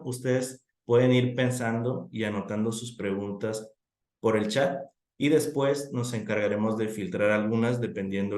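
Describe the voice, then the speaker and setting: A man's voice: on the low side, darkish tone. A man moderating an online session, announcing the format and then introducing the guest speaker. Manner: friendly, scripted announcements. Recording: roomy echo.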